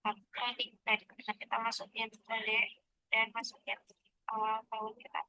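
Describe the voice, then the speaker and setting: A woman's voice: a little high, completely flat delivery, normal speed, bright, forceful tone, no echo, dull audio. A young woman student giving a casual, friendly tutorial presentation, chatty and sometimes trailing off mid-sentence. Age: young adult.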